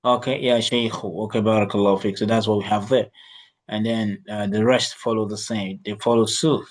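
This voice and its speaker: A man's voice: on the low side, fairly even intonation, brisk. Patient male Arabic teacher. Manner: patient, repeats phrases, coaches pronunciation. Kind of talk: online class instruction.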